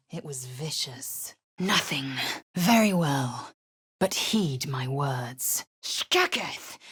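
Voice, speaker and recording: An actress gives a full character performance as a proud, stern githyanki warrior woman in a video game, her voice low-pitched and slightly rough. The dialogue comes out clipped, commanding, formal and scornful.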